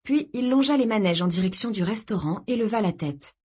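A woman reading a novel aloud in an even, measured storytelling voice. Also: mid-range voice, slightly rough. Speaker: audiobook narrator. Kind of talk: scripted narration.

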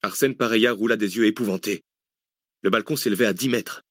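Low-voiced male audiobook narrator. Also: brisk, no room sound, studio quality. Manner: steady storytelling. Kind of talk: scripted narration.

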